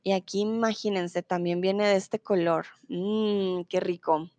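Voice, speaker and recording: A woman's voice: mid-range voice, fairly even intonation, measured pace, a little mellow, dry recording. Friendly Colombian woman teaching Spanish. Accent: neutral Bogotá Colombian Spanish. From Colombia (Bogotá). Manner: friendly, reads student comments aloud with laughs. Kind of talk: live online Spanish class.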